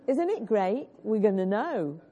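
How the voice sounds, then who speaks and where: A dull lo-fi recording captures a growly-voiced woman preaching and leading a worship song, earnestly pressing the congregation and coaxing them to participate. Her mid-range voice is mellow, with big pitch swings and a measured pace.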